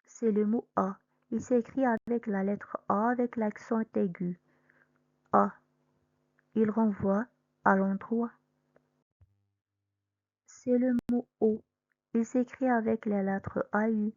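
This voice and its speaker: A woman leads an early reading lesson, spelling each letter and then the syllable in a slow, deliberate way. Her voice is mellow and warm, recorded dry and a little dull. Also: fairly high pitch, steady tone, dry recording. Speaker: reading teacher.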